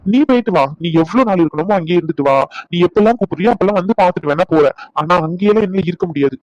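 A man's voice: high-pitched, very fast, a little mellow, no echo, dull audio, close to an everyday voice. A man playing a playful husband who teases and coaxes his angry wife in a comedy skit. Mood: teasing. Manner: coaxing, teasing, pleading. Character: teasing young husband, playful.

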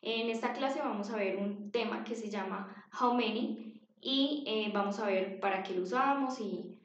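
A woman's voice: on the high side, unhurried. A woman teaching an English lesson to young children, patient, repeating words for them to copy. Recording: dull, echoey home recording.

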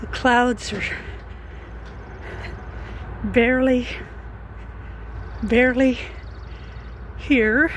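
Slow-talking older woman, out on a walk. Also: a little high, fairly even intonation. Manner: chatty, slow and musing, talking while walking. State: a little out of breath. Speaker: vlogger. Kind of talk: casual walking vlog. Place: outdoors on a residential street. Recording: outdoor noise and passing cars.

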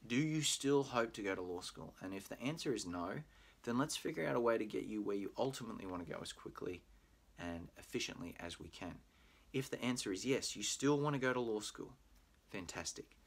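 A middle-aged Australian man, a pre-law program manager, gives a recorded admissions talk to a webcam from a room at home with a bookshelf. His fairly low voice is animated and brisk with a breathy edge, and he barely pauses. He explains things in a friendly way, using lots of fillers.

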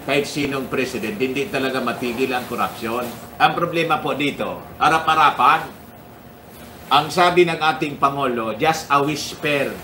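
A man's voice: medium pitch, normal speed, pushed and bright, recorded from a distance, slight background noise. A man hosting a casual political commentary livestream, chuckling often and greeting his viewers by name. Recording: echoey room.

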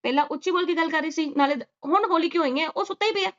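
A woman's voice: very high-pitched, very fast, fairly bright tone, dull audio. A woman doing sarcastic reaction commentary, scolding and mocking with rhetorical questions. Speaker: reaction vlogger.

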